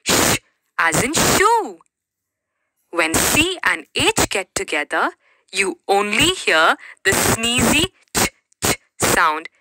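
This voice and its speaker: A woman narrates a phonics lesson for little children at a very slow, deliberate pace. Her voice swings widely up and down in an exaggerated, encouraging sing-song. Loud noise and clicks sit under the recording. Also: big pitch swings. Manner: exaggerated, drawn-out and encouraging, with big pitch swings.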